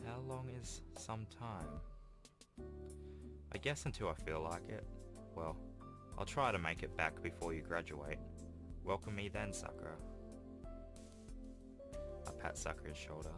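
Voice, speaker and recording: With a bass voice full of vocal fry, a young YouTuber pauses often while giving casual playthrough commentary and reading game text aloud at a normal speed. Video game music sits behind this home recording.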